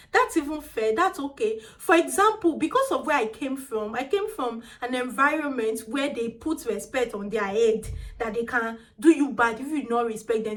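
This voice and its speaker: A Nigerian woman vlogger tells stories casually in a high, tiny-sounding voice. She's animated and chatty, dropping pidgin phrases into her speech.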